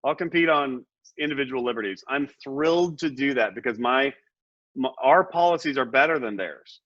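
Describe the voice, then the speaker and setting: In muffled, dry audio without echo, a middle-aged man running for the Senate talks as a guest at normal speed in a mid-range, slightly bright voice. He comes across as impassioned and earnest, frequently restarting and repeating words.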